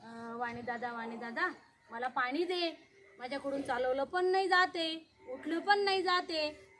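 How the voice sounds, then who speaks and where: A woman's voice: sits high, a little slow, fairly bright tone. A woman voicing a crippled male hunter in a children's story, speaking faintly and pleadingly.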